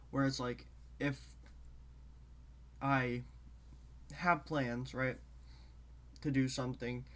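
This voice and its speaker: A man hosting his own show in casual solo talk, rambling and halting as he drifts between topics, a bit congested. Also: mid-range voice. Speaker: show host.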